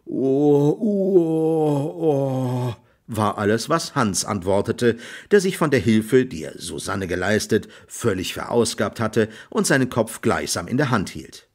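A man narrating an audiobook in an expressive storytelling manner. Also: on the low side, normal speed, few pauses, slightly rough. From Germany. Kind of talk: scripted narration.

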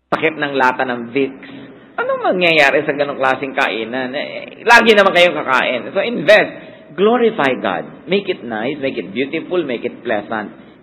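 A Filipino-accented man delivers a sermon, moving between Tagalog and English and briefly mimicking people who complain. His voice sits at an ordinary middle pitch for a man. A faint noise runs underneath the recording. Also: fairly bright tone, rough recording. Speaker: preacher.

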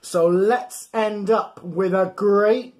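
A man in his thirties, speaking slowly in a high-pitched, darkish voice, reads a bedtime story to young kids. He's playful and over the top, coaxing them to take part, in a small furnished room indoors at home.

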